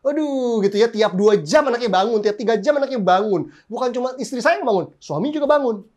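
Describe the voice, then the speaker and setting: A man in his thirties, a pastor, preaching a sermon through lively, humorous personal stories full of exclamations. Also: sits high, fast talker.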